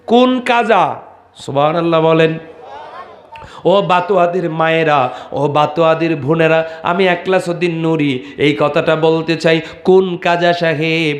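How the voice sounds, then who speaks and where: A man from Bangladesh delivering a sermon, telling a story in a sing-song chant, often jumping up to a high shout and calling on his listeners to answer. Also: measured pace, roomy sound, slight background noise. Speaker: preacher.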